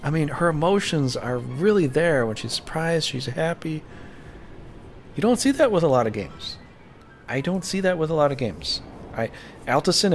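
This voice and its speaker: A young man streaming a game late at night, rambling casually about the game and his channel into a desk mic. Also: fairly high pitch. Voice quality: rambling, self-deprecating, gravelly. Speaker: gaming streamer. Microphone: desk microphone.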